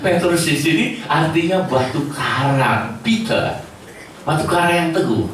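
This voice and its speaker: A male pastor preaching a sermon to his congregation in a lively, joking way. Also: on the high side, measured pace. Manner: lively, joking, mimics quoted voices. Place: church. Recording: echoey church hall from far off.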